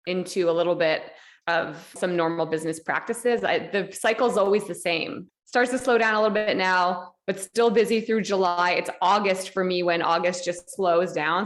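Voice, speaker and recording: A woman co-hosting a podcast, chatting casually and playfully, laughing often and throwing in dramatic asides. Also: lowish voice. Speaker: podcast co-host. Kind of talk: casual chat.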